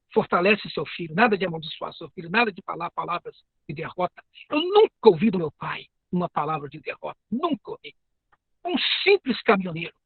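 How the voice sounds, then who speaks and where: Um homem com sotaque brasileiro que prega um sermão sincero, conta histórias e repete palavras e frases. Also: male voice, sits high, breathy edge, no room sound, phone-quality sound. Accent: Brazilian Portuguese. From Brazil. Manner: earnest, storytelling, repeats words and phrases. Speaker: preacher and teacher. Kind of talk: sermon.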